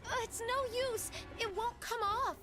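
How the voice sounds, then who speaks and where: Very high, fragile, frightened young woman. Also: steady tone, unhurried, bright, forceful tone, faint music behind, exaggerated voice. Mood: desperate. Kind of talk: video game voice acting.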